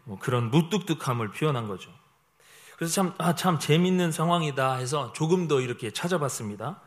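Guy preaching a sermon, bit high voice, bouncy up and down, loud then hushed. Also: a little fast. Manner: animated preaching that swings between loud and hushed; humorous storytelling asides. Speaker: pastor.

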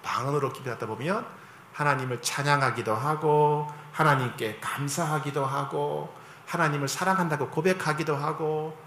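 Male pastor, conversational sermon style, bright and somewhat high voice, faint room ambience. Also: steady tone, normal speed, echoey room, slight background noise. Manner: conversational preaching, asks the congregation for agreement.

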